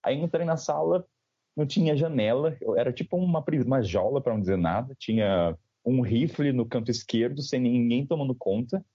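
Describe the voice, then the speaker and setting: A young man from Brazil telling a story in a casual, slangy, animated way, acting out the dialogue. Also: medium pitch, fairly quick, breathy edge, no echo. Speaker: podcast guest. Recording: slightly dull lo-fi sound.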